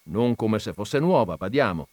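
Man as a patient lawyer, slow measured delivery, dry close voice. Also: fairly low pitch, very animated, darkish tone, dry recording. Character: calm middle-aged male country lawyer.

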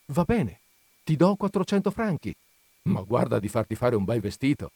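A man voicing a modest, patient clerk who gently reassures his wife in a read-aloud story. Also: medium pitch, big pitch swings, normal speed, slightly rough, dry recording. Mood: coaxing.

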